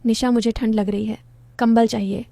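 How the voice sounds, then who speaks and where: A woman's voice: on the high side, flat delivery, moderate pace, gravelly, mellow, no echo. A woman voicing a playful, affectionate young husband with an easygoing delivery, in a read-aloud story.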